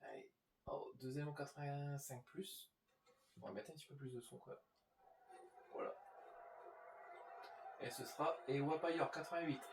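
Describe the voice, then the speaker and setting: Gravelly man commentating a game, roomy echo. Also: fairly high pitch, measured pace, long pauses, background noise. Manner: informal, addressing viewers. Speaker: gaming video host. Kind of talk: casual gameplay commentary.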